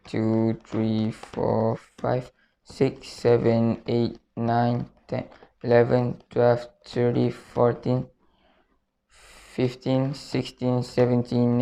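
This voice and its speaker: In a medium-pitched, slightly mellow voice, a man walks through a card trick tutorial step by step, repeating points and frequently tacking on brief tag questions. The audio is dull and lo-fi.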